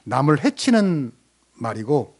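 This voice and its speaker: Male pastor, animated sermon delivery, pitch rising and falling a lot, quizzes his flock. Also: unhurried. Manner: animated, quizzing the congregation and answering himself.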